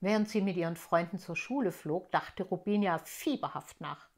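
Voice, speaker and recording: A woman reading a children's book aloud in a clear, gentle voice. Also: lowish voice, normal speed. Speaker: storyteller for children.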